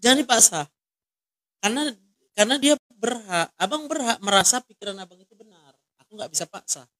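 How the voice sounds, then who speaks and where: Man, high voice, dry close sound, a counselor who presses with blunt questions. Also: lively intonation, fairly quick, pushed and bright, no echo. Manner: direct, asks many short probing questions. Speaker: counselor in a ministry. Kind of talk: one-on-one counseling talk.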